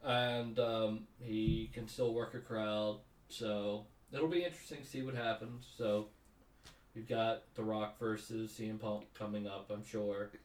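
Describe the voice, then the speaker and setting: A man co-hosting a podcast talks in a lowish, steady voice at a measured pace. His casual chat rambles and is sprinkled with cynical asides, and the roomy recording suggests the mic sits some distance away.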